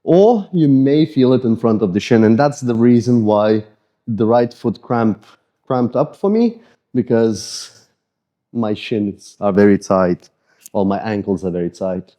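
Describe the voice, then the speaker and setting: A man's voice: fairly low pitch, measured pace. A man with an Eastern European accent, a fitness coach casually guiding a follow-along mobility routine, sweaty just after a workout and joking about his own tight muscles. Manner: casual, self-deprecating, relaxed coaching.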